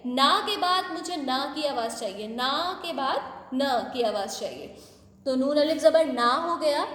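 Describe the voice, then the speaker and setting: A woman's voice: high-pitched, reverberant, big-room sound. A woman teacher patiently explaining letters to young children, repeating and spelling them out. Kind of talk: children's alphabet lesson.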